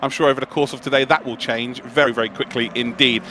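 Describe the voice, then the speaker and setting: A man's voice: mid-range voice, fairly even intonation, fast, pushed and bright, a little hiss or hum. A man giving live motorsport commentary on esports sim racing, analysing in a conversational, enthusiastic way.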